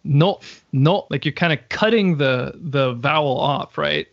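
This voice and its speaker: A man's voice: fairly high pitch, animated, normal speed, a bit bright, dry recording, highs cut off. A man interviewing a guest, asking curious questions in an easygoing, chatty way. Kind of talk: casual chat.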